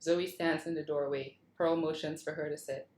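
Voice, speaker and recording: A woman reads scene headings and action lines from a script as the stage-directions reader at a table read, captured on roomy, echoing video call audio. Her voice sits low and a little mellow, with fairly even intonation, a moderate pace and a little hiss or hum.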